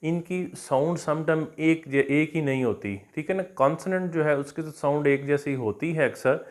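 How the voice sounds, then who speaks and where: A man's voice: a little high, moderate pace. Man explaining English phonics. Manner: explanatory, repeats "theek hai na" and fillers. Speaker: English teacher. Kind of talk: explaining phonics to teachers and students.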